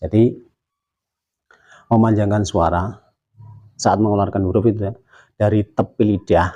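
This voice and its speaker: A man with an Indonesian accent, teaching Quran pronunciation patiently and repeating drawn-out syllables to demonstrate. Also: fairly low pitch, steady tone, warm tone, highs cut off. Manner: patient, explanatory, uses many fillers. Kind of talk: tajwid pronunciation lesson.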